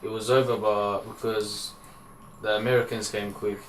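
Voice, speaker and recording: A man's voice: on the low side, level tone, moderate pace. A young man giving brief, plain interview answers. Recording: distant mic, faint hiss.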